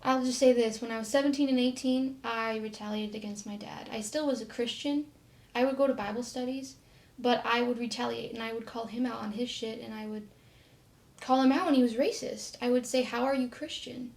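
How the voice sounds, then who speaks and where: A woman in her twenties tells her own story straight to camera. Her voice sits a little high and carries a lot of vocal fry. She speaks softly and haltingly, often trailing off into near silence. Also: steady tone. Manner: soft-spoken and halting, often trailing off quietly.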